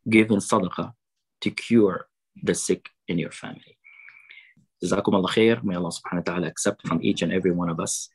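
A man giving a fundraising sermon over a video call. He quotes Arabic sayings, then translates and explains them slowly. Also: low-pitched, fairly even intonation, slightly rough, poor audio. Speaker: preacher at a fundraiser.

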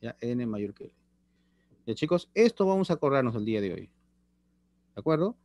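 Over a laptop webcam on a video call, a middle-aged man lectures an online chemistry class from a small room, checking in with students and repeating phrases. His mid-range voice is sing-song and a little mellow at a moderate pace, with studio-quality sound and no room sound.

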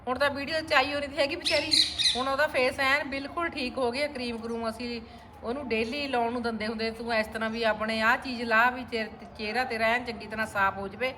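Speaking directly to the camera, a woman gives chatty home vlog narration from a family house with a courtyard. She talks at a quick pace in a steady, high-leaning voice over a noisy background.

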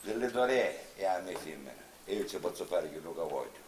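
A man playing a menacing Sicilian small-time tough in dialect farce. His mid-pitched voice leaps up and drops away as he swaggers. The stage sound is roomy, with noise behind. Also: animated, brisk. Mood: domineering. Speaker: stage comedy actor. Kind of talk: theatrical dialect comedy.

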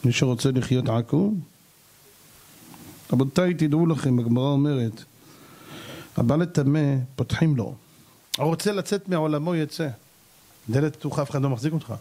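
A man's voice: a little high, pauses often. A man giving a sermon as a rabbi, telling a story and acting out its characters with cries and exclamations. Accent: Israeli Hebrew. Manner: animated, acts out characters and cries out.

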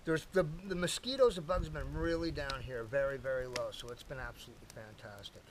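At a lakeside campsite fire pit, an older camping vlogger builds a campfire and talks casually to camera in a chatty, folksy way, referring to viewers as folks. His mid-range voice runs a little fast; the camera-mounted mic a few meters off gives a rough recording with crowd noise.

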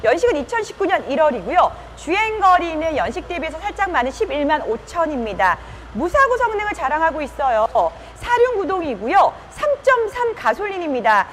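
A woman presenting cars in a live sales pitch, slick and emphatic, repeating key selling phrases like a practiced used car dealer. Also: sing-song, fairly quick, fairly bright tone, a little hiss or hum.

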